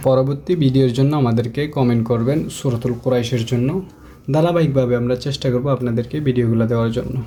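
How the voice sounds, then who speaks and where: A man teaching Quran recitation, slowly spelling out and chanting Arabic syllables between quicker spoken explanations. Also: mid-range voice, fairly even intonation, mellow, slight background noise.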